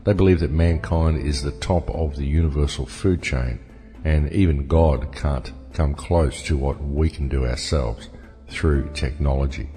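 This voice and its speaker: A man speaking through a disguise effect that pitches his voice down very deep, giving an earnest, lecturing monologue that often calls the listeners folks. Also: measured pace, dark tone, in a large hall, soft background music. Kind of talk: scripted monologue message.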